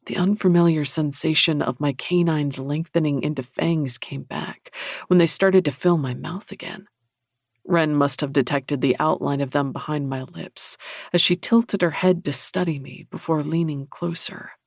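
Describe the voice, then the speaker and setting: A man narrating a romance audiobook in the first person, measured and intimate. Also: on the high side, gravelly, no room sound, clean studio sound.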